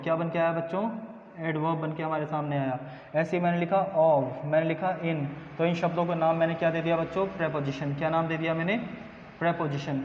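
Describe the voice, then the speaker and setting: Guy teaching grammar class, keeps asking the kids and answering himself, highish voice, long echoey reverb. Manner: repeats questions to the students and answers them himself; slow, drawn-out pronunciation drills. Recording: echoey, dull room recording with faint noise.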